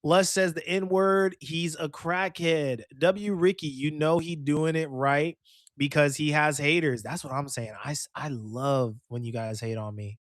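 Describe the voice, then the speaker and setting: A man's voice: on the high side, steady tone, a little slow, no echo, clean studio sound. A man hosting a livestream, chatting casually, joking and reading chat comments aloud. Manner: joking, laughs often, reads chat aloud. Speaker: streamer host.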